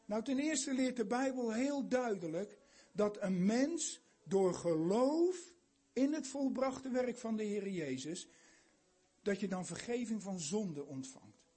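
A man's voice: high voice, lively intonation, measured pace, dark tone, slightly rough. An older man giving an earnest sermon, asking his listeners many questions. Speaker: preacher.

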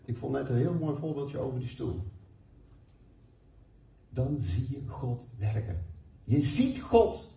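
A man preaching a sermon, emphatic, moving between slow stressed phrases and quick asides. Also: mid-range voice, lively intonation, creaky, warm tone. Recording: echoey, distant, dull room sound.

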